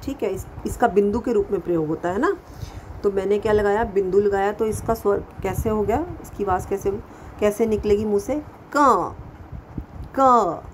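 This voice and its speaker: A woman's voice: medium pitch, steady tone, fairly quick, dark tone, a little hiss or hum, rough recording. A woman teaching a Hindi lesson to young children, patiently repeating sounds and asking questions. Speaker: primary school Hindi teacher. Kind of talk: slow classroom lesson addressing children.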